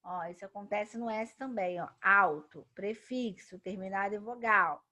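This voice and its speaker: A woman teaches a grammar lesson in an emphatic, explanatory way. She leans hard on key words and answers the questions she poses herself. Her voice sits at a medium pitch. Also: normal speed, sharp tone.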